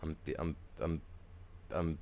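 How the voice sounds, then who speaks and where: A young man streams a farming game, chatting casually and rambling to his viewers as he plays, often trailing off and starting sentences over in a laid-back way. His voice is very deep and darkish, with a flat, unhurried delivery.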